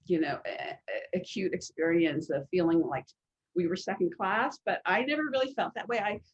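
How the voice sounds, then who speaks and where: A woman author from the United States introducing herself on a panel, soft-spoken and hesitant with many fillers. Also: on the low side, moderate pace, a little hiss or hum. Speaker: children's author. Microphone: video call. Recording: dull lo-fi call audio.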